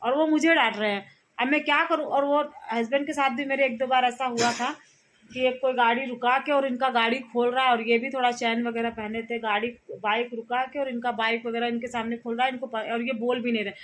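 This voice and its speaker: A woman's voice: a little high, fairly even intonation, a little fast, a bit bright, slight background noise. A woman vlogger in her thirties telling a rambling personal story to her viewers in a casual, chatty way. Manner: chatty, rambling, frequent fillers and restarts.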